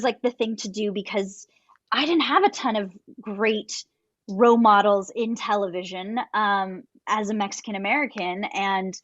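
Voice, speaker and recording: A woman's voice: mid-range voice, dry recording, lo-fi sound. A young woman from Los Angeles sharing her background on a discussion panel, chatty and self-deprecating, laughing often. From Los Angeles, California. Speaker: panelist, actor.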